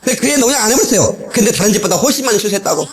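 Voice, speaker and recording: A man's voice: high-pitched, rapid-fire, slight background noise. A male pastor giving a sermon full of personal testimony, telling stories with much laughter and acting out the voices of the people in them, recorded on an old cassette tape in a church. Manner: animated storytelling, acting out quoted voices, frequent laughter. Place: church sanctuary.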